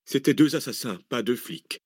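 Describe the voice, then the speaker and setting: A man voicing a composed older man who speaks in a level, measured way in a thriller audiobook. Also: medium pitch, lively intonation, no echo, clean studio sound, pitched above the performer's own voice, lightly acted.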